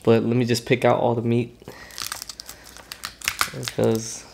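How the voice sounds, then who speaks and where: A man's voice: medium pitch, completely flat delivery, slow, creaky. A man hosting an eating video, chatting loosely between bites in an ordinary mid-range voice. He sounds a little squeamish about parts of the food. A faint hiss sits under the close recording. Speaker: mukbang host. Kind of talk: casual talk while eating on camera.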